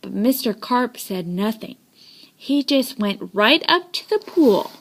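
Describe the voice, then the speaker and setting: A woman reads a children's story aloud with high pitch and a slow, unhurried pace. Her delivery is expressive and dramatic, with intonation that swings widely. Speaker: storybook reader.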